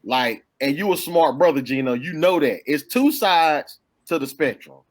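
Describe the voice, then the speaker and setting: A man's voice: a little high, expressive, moderate pace, dry recording. A man, a teacher, speaking as a podcast guest in a casual debate, earnestly addressing the others directly.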